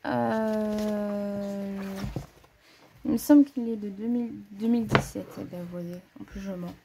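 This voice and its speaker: A woman's voice: medium pitch, fairly even intonation, measured pace, vocal fry, background noise. A woman casually showing her coloring books to the camera, chatty, thinking aloud and correcting herself as she goes. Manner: frequent hesitations and "voilà" fillers. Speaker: coloring-book hobbyist presenting her collection. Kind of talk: casual show-and-tell chat to camera.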